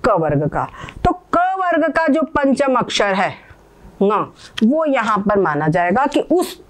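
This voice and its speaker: A woman teaching Sanskrit pronunciation, patiently explaining and repeating words slowly while checking that learners follow. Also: fairly high pitch, big pitch swings.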